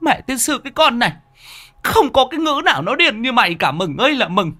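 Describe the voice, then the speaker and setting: A man voicing a furious, sharp-tongued old neighbor woman who scolds in a shrill voice. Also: sing-song, fairly quick, exaggerated voice. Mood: furious scolding.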